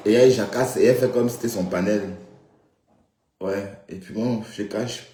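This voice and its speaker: This live-stream commentator's voice sits on the low side, warm and steady, at a normal speed, in an echoey room. He rambles casually and speaks to viewers directly, sprinkling in "hein" and "d'accord" along with frequent little asides.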